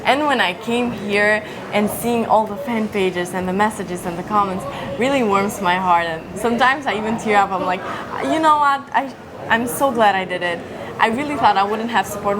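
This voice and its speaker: Earnest young woman over crowd noise. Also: mid-range voice. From Albania. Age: young adult. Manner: fast, earnest and gushing. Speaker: pageant contestant. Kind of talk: casual interview. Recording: noisy crowd around. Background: crowd chatter.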